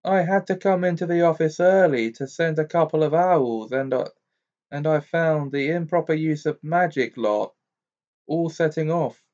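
A man doing a hurried, urgent bearded wizard. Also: fairly high pitch, darkish tone, muffled recording, pitched above the performer's own voice, close to an everyday voice. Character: fast-talking bearded middle-aged wizard.

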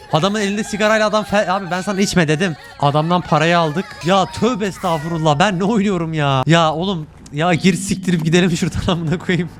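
A young man streaming a game, commenting casually to his chat, excitable and swearing often. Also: sits high, slight background noise. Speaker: gaming streamer.

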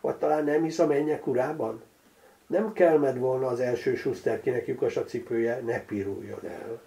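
A man voicing a sharp-tongued noblewoman who teases a shy young priest, in a raised, lively voice. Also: mid-range voice, lightly acted. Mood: teasing. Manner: mocking, brisk, teasing.

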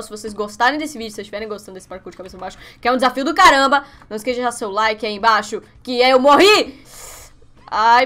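A young Brazilian woman giving let's-play commentary on her webcam setup, excitable and quick to yelp and shriek at each slip. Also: a little high. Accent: Brazilian Portuguese. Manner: excitable, yelps and shrieks when failing. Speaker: gaming youtuber.

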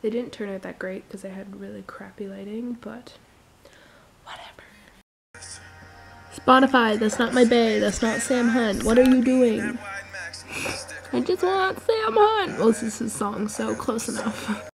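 Filmed around her home (bedroom, car, living room), this casual daily vlog features a young adult Canadian woman talking to an arm's-length handheld camera, stuffy-nosed from a cold, chatty and rambling and hushed at night. Her somewhat high voice moves a little slowly, with vocal fry and frequent pauses, over soft background music on poor audio.

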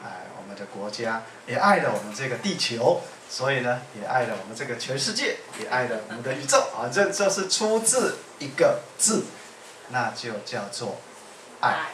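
A man from Yilan, Taiwan, with a Taiwanese accent, talking to an audience between songs in warm, repetitive, build-up phrases with small laughs. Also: mid-range voice, expressive, normal speed. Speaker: singer and speaker. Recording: echoey room, far from mic, faint noise.

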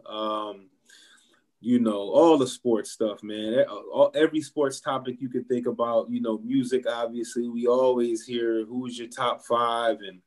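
A man's voice: mid-range voice, unhurried. Laid-back barber man, casual talk. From Ohio. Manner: relaxed, says "man" often, motivational. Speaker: barbershop owner, guest.

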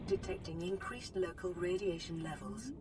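A woman voicing a calm, gentle female AI survival assistant through a soft synthetic computer voice, giving even, soothing status reports in a video game over game music. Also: medium pitch, moderate pace, background noise.

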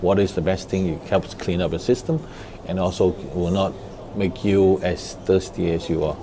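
Halting low-voiced man giving travel tips. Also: noisy background. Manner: halting, many fillers and restarts. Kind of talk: casual how-to talk. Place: office room, then parked car. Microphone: lapel mic.

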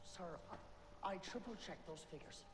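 Actor as indignant tax clerk, raised voice. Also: male voice, high voice, normal speed, crowd noise, close to an everyday voice. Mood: protesting. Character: indignant male tax clerk turned schemer.

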